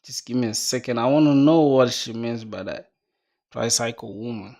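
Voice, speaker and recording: A man's voice: mid-range voice, normal speed, a little mellow. Laid-back slangy young man streaming. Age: 20s. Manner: laid-back, slangy, reads viewer chat aloud. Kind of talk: casual livestream chat while coding.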